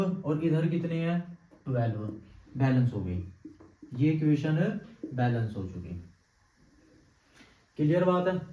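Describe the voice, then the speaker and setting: A man with a slightly high, dark-toned voice teaches chemistry at a board, quizzing students and checking constantly with things like "clear?" He answers his own questions and counts slowly, step by step. The room echoes, the mic is distant, and the sound is dull.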